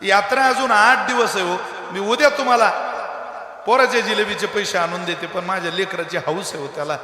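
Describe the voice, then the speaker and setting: A humble village mother begs softly for her little boy, as a male preacher puts her on. The voice is high and bright, ringing through an echoey hall with a long tail. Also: brisk. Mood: pleading. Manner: pleading, humble. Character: poor village mother pleading for her son.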